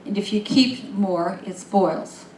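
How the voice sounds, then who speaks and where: A woman minister giving a sermon, calm and gently guiding, warming into lively storytelling. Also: medium pitch, slow pace, recorded from a distance, a little hiss or hum. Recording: echoey room.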